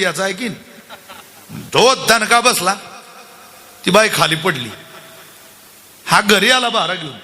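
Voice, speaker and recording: A man preaching a devotional kirtan sermon, telling a story and quizzing his audience. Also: high voice. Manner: animated storyteller, acts out characters and questions the audience.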